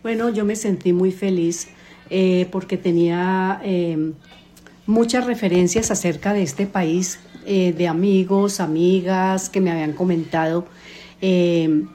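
An older woman, a grandmother answering interview questions hesitantly, with many pauses and fillers. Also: fairly low pitch, steady tone, mellow. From Colombia. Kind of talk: casual family interview.

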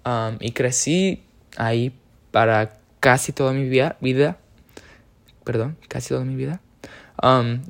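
A young man from the United States speaking casually about his own experience, hesitant, with many fillers and self-corrections. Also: mid-range voice. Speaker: speaker sharing personal experience. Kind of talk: casual personal talk.

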